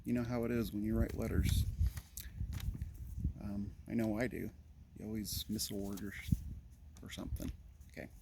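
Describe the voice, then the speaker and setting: A man's voice: fairly low pitch, little pitch movement, normal speed, vocal fry, long pauses, background noise. An older man reading his parents' old letters aloud, earnestly, with amused comments in between. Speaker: family letter reader.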